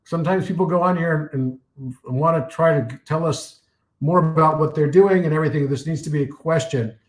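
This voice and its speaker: Guy rambling through a live talk, kinda hoarse, higher voice, echoey room. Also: a little fast. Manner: rambling storytelling with many fillers and restarts. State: losing his voice a little. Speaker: speaker taking audience questions.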